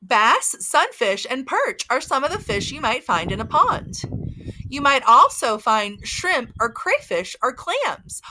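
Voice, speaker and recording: A woman with a Southern US accent reads to little children in a high, bright voice. She talks like a teacher with a toddler, sing-song and full of simple questions, and her pitch moves up and down a great deal. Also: very animated, a little slow, low-quality recording. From American South. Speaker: early childhood teacher and story reader. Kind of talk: reading aloud to young children with commentary. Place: outdoors by a house.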